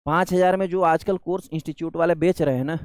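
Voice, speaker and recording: A man's voice: on the high side, steady tone, fast talker, a little mellow, dry recording, studio quality. A man teaching an exam-prep lecture, speaking earnestly and calling his students sir and beta. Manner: earnest, addresses viewers as sir and beta, mixes in English. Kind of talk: coaching lecture on a job vacancy.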